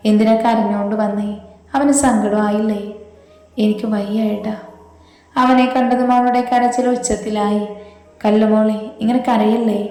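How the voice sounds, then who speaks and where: A woman's voice: a little high, warm tone. A woman narrating an emotional family story and reading every character's lines in her own voice. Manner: reads all dialogue in her own voice. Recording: echoey room with long reverb.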